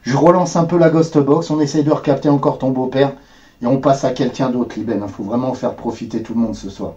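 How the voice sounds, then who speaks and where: A man's voice: mid-range voice, fairly even intonation, fairly quick, dark tone, muffled recording. A man streaming ghost hunts live, talking in a hesitant, rambling way. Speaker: paranormal livestreamer. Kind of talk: livestream talk.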